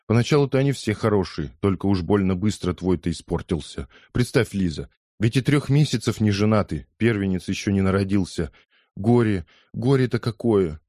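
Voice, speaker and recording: A man's voice: lowish voice, lively intonation, normal speed, dark tone, no room sound, clean studio sound, voice pushed up. A man voicing an indignant older woman who scolds and rambles in an audiobook. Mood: outraged. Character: indignant older woman, loud gossiping mother. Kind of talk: audiobook character voice.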